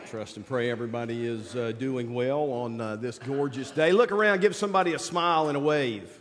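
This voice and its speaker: A man speaking as a pastor at a pulpit microphone in a large church, in an earnest, conversational way with hesitant pauses. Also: medium pitch, fairly bright tone. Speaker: pastor welcoming and leading prayer. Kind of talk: church welcome address and prayer. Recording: long hall reverb from church PA.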